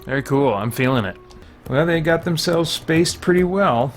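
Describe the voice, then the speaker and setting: A man whose voice leans high plays through a video game and reviews it at normal speed, music running in the background. He chats casually, thinks aloud, and throws in mild slang exclamations.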